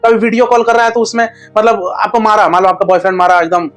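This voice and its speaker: A man with a fairly high voice talks straight to camera, handing out relationship advice as a casual monologue. He is blunt and slangy and throws in crude jokes as he goes. Soft music plays faintly behind him. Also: flat delivery, fast talker.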